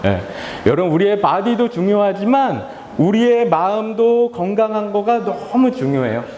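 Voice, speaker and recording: A playful male pastor gives a children's sermon in an echoey church hall. His voice is high and very lively. He keeps asking the children questions and acts out little scenes. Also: moderate pace, a little hiss or hum. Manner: playful, asks children questions and leads call-and-response; acts out family members and his own tired sighs. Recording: echoey hall with long reverb.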